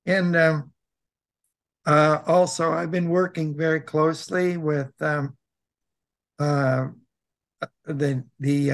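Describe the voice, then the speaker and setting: Halting American man with a sore throat. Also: fairly high pitch. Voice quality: thick sore-throat voice with frequent throat clearing. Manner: halting, hesitant, with many pauses and repeats. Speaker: co-host of a web program. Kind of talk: informal presenting and reading aloud.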